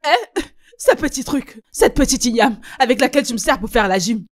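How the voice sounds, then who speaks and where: A bossy high-voiced mother. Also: animated, normal speed. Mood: sarcastic. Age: older. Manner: bossy, scolding. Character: overbearing older mother visiting her son. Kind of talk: French film dub.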